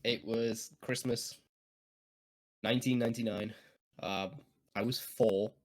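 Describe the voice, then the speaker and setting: A man's voice: lowish voice, steady tone, slow pace. Chatty man in his twenties. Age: 20s. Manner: nostalgic, chatty, laughs often, many fillers. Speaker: podcast co-host. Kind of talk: casual chat.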